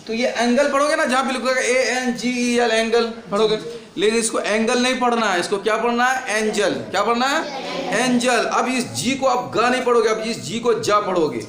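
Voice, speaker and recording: High-voiced male teacher in an echoey classroom. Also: moderate pace, fairly bright tone. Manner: repeats questions and drills answers with the class. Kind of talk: classroom English lesson. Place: classroom with a board.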